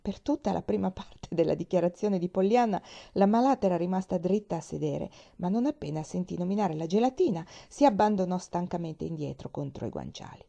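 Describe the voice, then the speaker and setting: A woman reading a storybook aloud, calm and measured. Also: lowish voice, creaky, muffled recording. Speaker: reader. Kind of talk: audiobook narration.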